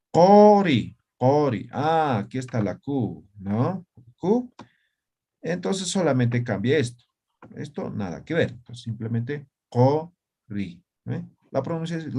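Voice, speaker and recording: A man's voice: medium pitch, darkish tone, breathy edge. A man teaching an online Aymara writing class, explaining step by step and checking in with students by asking "right?". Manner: patient, explains step by step with frequent tag questions.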